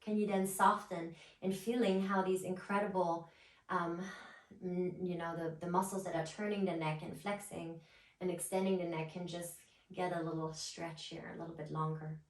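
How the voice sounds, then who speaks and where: A woman guiding a yoga class as instructor, with a gentle, nurturing and encouraging manner. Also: fairly low pitch, little pitch movement, moderate pace. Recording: roomy echo, distant microphone.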